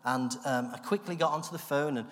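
A man's voice: on the high side, fairly quick. Man telling a testimony in a hall. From United Kingdom. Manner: animated, acts out quoted voices, self-deprecating. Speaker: speaker giving a personal testimony. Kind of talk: storytelling testimony. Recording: long hall reverb.

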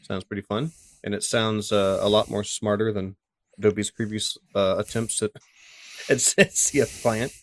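Low-voiced casual tech podcast man. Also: fairly even intonation, measured pace, a little hiss or hum. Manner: rambling, filler-heavy, self-deprecating. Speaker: podcast co-host.

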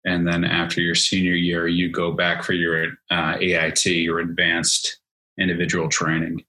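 A man in his forties from New Hampshire, with a very low voice and a bright, forceful tone. He talks casually as an interview guest, full of "uh"s and restarts. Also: completely flat delivery, moderate pace, poor audio. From New Hampshire, USA. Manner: rambling, many fillers and restarts. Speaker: guest, Army veteran.

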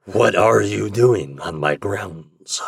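A man voicing a sooty, menacing male forest devil in a hoarse, growling voice that speaks slowly and deliberately. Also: fairly low pitch, dry recording, studio quality, exaggerated voice. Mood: gruff menace. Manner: slow, deliberate, brooding.

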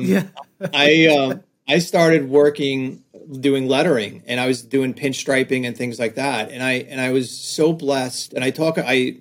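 A middle-aged man from Staten Island with a New York accent, a design agency founder telling stories as a podcast guest, animated and full of restarts. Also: mid-range voice. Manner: animated storyteller, many fillers and restarts. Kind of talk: casual podcast interview.

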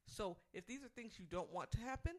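A woman's voice: medium pitch, lively intonation, fairly quick. A woman co-hosting a talk show, giving casual relationship advice in an earnest, emphatic way and restating her points.

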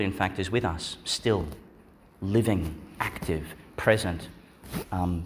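Male priest, low register, measured and reflective liturgical delivery; clear background noise on the recording. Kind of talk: solemn gospel reading and homily.

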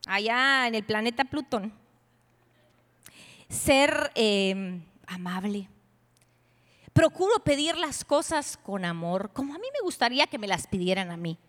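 Preaching at a women's retreat, a female pastor shifts between loud declarations and near-whispers, emphatic and playful with plenty of teasing asides. Her high, bright voice echoes through a big church hall with long reverb.

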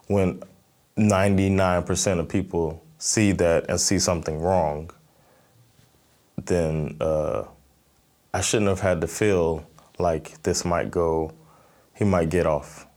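Deep-voiced American man, halting and earnest. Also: darkish tone. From Miami, Florida, USA. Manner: thoughtful, halting, many fillers and restarts. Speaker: stand-up comedian, interview guest. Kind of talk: earnest interview answers.

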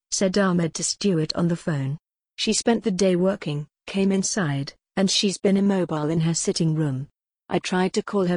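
A woman narrates a gothic novel in a measured, even storytelling voice. Her pitch sits a little low for a woman. The recording is dry and close, with no room sound. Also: dry recording. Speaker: audiobook narrator. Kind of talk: scripted narration.

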